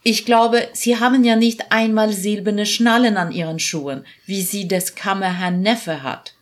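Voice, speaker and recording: A man putting on a scornful young lady from a fairy tale, her voice pitched up into a shrill, sneering falsetto. She talks down her nose with icy haughtiness and a thin, strained tone. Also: steady tone, unhurried. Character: haughty young woman, a professor's snobbish daughter.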